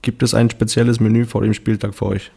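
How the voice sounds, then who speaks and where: A man's voice: lowish voice, flat delivery, fast, gravelly, dark tone, slightly rough. Man reading listener mail on a podcast. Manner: teasing, dry banter. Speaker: podcast co-host. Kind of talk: casual podcast chat, reading listener questions.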